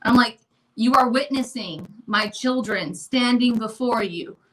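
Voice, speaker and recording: A woman's voice: fairly high pitch, measured pace, rough recording. A woman in her thirties chatting candidly and animatedly on a home livestream, talking at a mirror by a window. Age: 30s. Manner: candid and animated, talks over others. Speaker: livestream co-host. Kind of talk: casual livestream chat.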